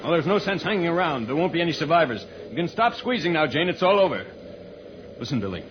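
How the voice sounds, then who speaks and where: Dantro, commanding vintage radio space hero. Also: male voice, on the high side, big pitch swings, fast talker. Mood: urgent. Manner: authoritative, reassuring, instructive. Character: heroic, calm, commanding male space adventurer. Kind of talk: 1950s radio serial acting. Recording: muffled, noisy old radio recording.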